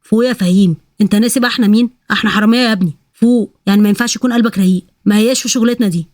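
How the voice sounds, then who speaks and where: A woman's voice: medium pitch, rapid-fire, a little mellow, dry recording, clean studio sound, lightly acted. A woman voicing a grumpy, stingy male thief who complains sarcastically in Egyptian Arabic. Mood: scoffing.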